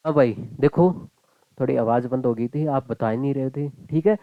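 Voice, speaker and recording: A man's voice: mid-range voice, normal speed, no room sound, narrow, tinny audio. A man teaching a maths class online, chatty and joking, calling his students "beta" and "bhai".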